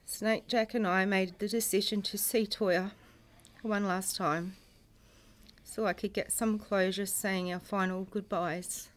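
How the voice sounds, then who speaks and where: A middle-aged woman, a bereaved mother reading a prepared personal statement in a solemn, measured way, in grief. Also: mid-range voice, fairly even intonation. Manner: solemn, measured delivery in short phrases. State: grieving.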